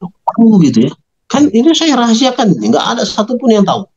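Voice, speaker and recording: A man telling his conversion story in an interview, animated, acting out quoted dialogue in a raised voice. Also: very high-pitched, quick pace, breathy edge, dull audio. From Medan, North Sumatra.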